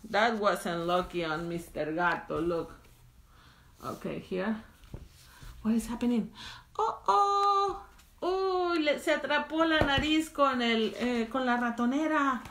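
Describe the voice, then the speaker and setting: This is a woman running a children's story time, reading picture books at an unhurried pace in a slightly high voice. She gives each line in Spanish and then in English, with casual remarks between pages. The room around her rings with a noticeable echo. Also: a bit bright. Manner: chatty asides while turning pages. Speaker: language teacher reading to children.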